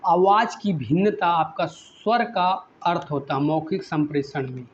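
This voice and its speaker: A man with a slightly raised voice teaches through a list of exam questions. He reads each English question slowly, then explains it in Hindi and keeps prompting with repeated questions. The recording is a bit dull and muffled, with a faint hiss. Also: a little high.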